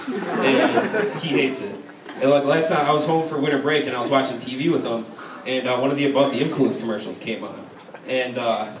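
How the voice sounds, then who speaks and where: A young American man doing a casual, conversational stand-up comedy set before a laughing crowd. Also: medium pitch. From Chicago, United States. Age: young adult. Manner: casual, conversational delivery with frequent "like". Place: live stand-up show in a university venue. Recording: echoey, distant, noisy live room recording.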